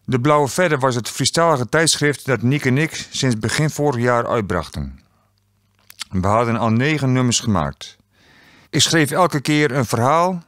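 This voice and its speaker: A man's voice: mid-range voice, fairly bright tone, no echo. A man reading his own novel aloud as an audiobook in a recording studio, with plain, wry storytelling. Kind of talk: audiobook narration.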